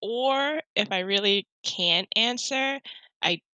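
A woman's voice: medium pitch, slow, bright, forceful tone, dry recording, lo-fi sound. A woman from New York, a teacher and podcast guest, talking plainly and straightforwardly. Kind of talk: casual podcast chat.

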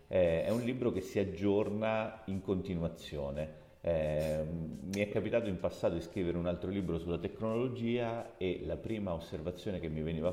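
A man, an author, answering interview questions in a reflective, measured way with a light touch of humor. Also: deep voice, mellow. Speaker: author and guest. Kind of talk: podcast interview. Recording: echoey room with long reverb.

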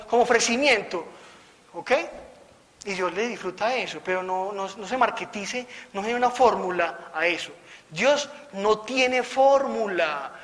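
Bright, high-voiced preacher. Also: male voice. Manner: lively storyteller, acts out quoted voices. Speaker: preacher giving a testimony. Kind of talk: conversational religious testimony. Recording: long hall reverb.

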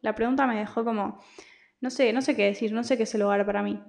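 A young woman from Argentina talks fast on her podcast, her voice on the high side, gravelly and a little mellow, with fairly even intonation. In her Argentine Spanish accent, she rambles through a confiding personal monologue, often starting over.

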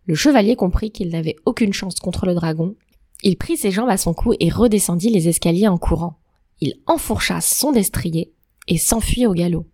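Woman calmly reading a fairy tale. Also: lowish voice, normal speed, husky, dry recording, clean studio sound. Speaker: narrator.

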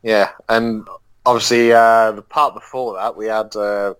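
Low-voiced male co-host, dry close sound. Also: level tone, a little slow, fairly bright tone, clean tone, no echo, poor audio. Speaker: podcast co-host. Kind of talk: casual review chat.

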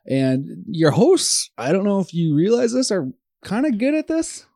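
A man's voice: high-pitched, sing-song, measured pace, vocal fry, dark tone, no echo, studio quality. A man hosting a casual football podcast, talking in an upbeat, hyped, joking way. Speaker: podcast host. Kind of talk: casual sports podcast chat.

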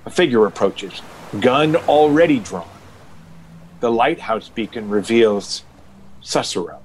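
A man's voice: medium pitch, expressive, measured pace, a little hiss or hum, poor audio. A man narrating an audio drama in a dramatic, scripted style.

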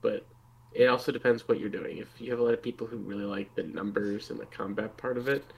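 A man's voice: lowish voice, steady tone, quick pace, creaky, slight background noise, poor audio. A man co-hosting a casual tabletop gaming podcast, easygoing and agreeable. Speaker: podcast co-host. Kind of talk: casual chat.

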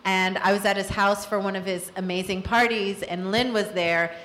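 A woman's voice: mid-range voice, steady tone, moderate pace, a bit bright, echoey room. A woman film director answering questions at a live Q&A, telling her story in a candid, reflective way.

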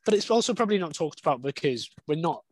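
A man's voice: fairly high pitch, animated, quick pace, low-quality recording. A young man, a dog behaviourist, talking candidly and at length in a podcast interview. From Wales. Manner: candid, conversational, explains at length.

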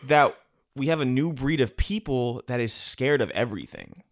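A man's voice: mid-range voice, moderate pace. Blunt, swearing man in casual chat. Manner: blunt, heavy swearing, animated rants.

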